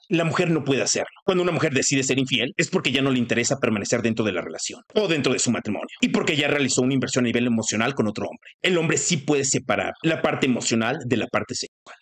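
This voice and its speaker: A man hosting his channel, giving assertive opinion commentary directly to his viewers. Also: medium pitch. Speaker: channel host.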